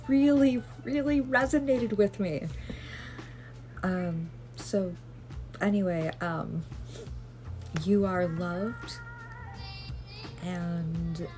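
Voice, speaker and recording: A woman vlogger with a lowish voice gently rambles through casual self-care tips, peppering them with fillers and self-deprecating asides.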